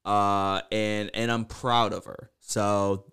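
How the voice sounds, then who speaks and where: A man's voice: on the low side, flat delivery, takes it slowly, fairly bright tone, smooth. A man co-hosting a podcast in casual, bantering chat, with a playful, teasing manner. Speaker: podcast co-host.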